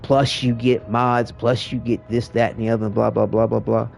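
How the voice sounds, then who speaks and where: A man's voice: mid-range voice, little pitch movement, moderate pace, gravelly, darkish tone, soft background music. A man giving casual gaming commentary in a rambling, slangy way, often repeating his words. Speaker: streamer showing a game to a viewer.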